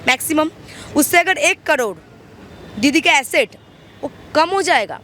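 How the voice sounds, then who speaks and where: Woman from West Bengal, high voice, emphatic street interviewee, faint outdoor noise. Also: expressive, a little slow, bright, forceful tone. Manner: emphatic, repeats and restarts words.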